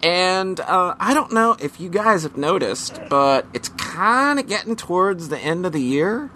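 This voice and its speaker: A man's voice: sits high, big pitch swings, unhurried, bright, forceful tone, slight background noise. A man hosting a casual podcast chat, rambling loosely with lots of ums and the odd swear word. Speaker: podcast host.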